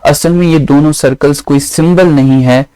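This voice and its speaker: A man teaching a lesson on the grammar and pronunciation of scripture, explaining slowly and repeating each point in other words. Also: on the high side, fairly even intonation, warm tone, clear, resonant tone, no echo, low-quality recording. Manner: slow, explanatory, repeats phrases with synonyms.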